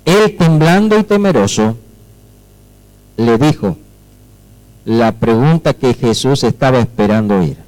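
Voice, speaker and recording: A man's voice: mid-range voice, expressive, a little slow, pauses often, darkish tone, low-quality recording. A male pastor with a Rioplatense Spanish accent, preaching emphatically and often asking the congregation whether they follow. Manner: emphatic, checks in with listeners through questions; acts out quoted dialogue with shifting voices. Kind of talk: sermon.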